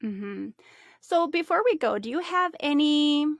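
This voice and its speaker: A woman's voice: high voice, expressive, a little slow, creaky, dry recording. A woman hosting a podcast, asking questions and answering with short backchannels. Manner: friendly questions, brief backchannels. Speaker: podcast host. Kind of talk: casual interview chat.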